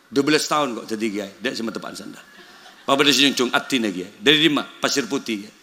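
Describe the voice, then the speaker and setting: Bright-voiced Madurese preacher joking. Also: male voice, mid-range voice, fast. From Madura, Indonesia. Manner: jokey storytelling, mixing languages, acting out dialogue. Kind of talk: comic sermon. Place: outdoor village gathering.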